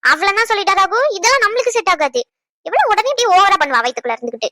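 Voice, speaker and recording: A woman plays a young expectant wife in a cartoon, jealous of her unborn daughter and teasing her husband. The voice is very high and rapid, with a dry, close sound. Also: big pitch swings, pushed and bright, no room sound, exaggerated voice. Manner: playful, scolding, then tender.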